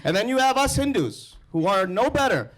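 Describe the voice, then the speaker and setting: A man's voice: very high voice, very animated. A young man from India doing stand-up comedy and teasing the crowd on a club stage with a handheld mic. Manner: brash, teasing, quick crowd banter. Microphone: handheld microphone.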